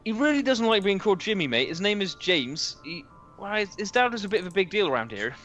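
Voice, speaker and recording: A man's voice: sits high, sing-song, fast, fairly bright tone, soft background music, pitched above the performer's own voice. A man doing a chatty Bristolian villager. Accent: put-on Bristolian. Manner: gossipy, rambling, calls people mate. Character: chatty friendly male villager wagon driver.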